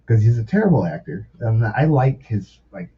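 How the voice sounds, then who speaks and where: Low-voiced, profane storytelling man. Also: sing-song, normal speed, breathy edge. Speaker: podcast guest. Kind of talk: casual chat. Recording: muffled lo-fi podcast audio.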